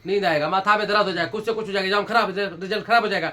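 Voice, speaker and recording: Lecturing his class very fast, a young man speaks in a high-pitched, bright, forceful voice with fairly even intonation. He goes over points repeatedly, quizzes the students, and alternates between scolding and joking.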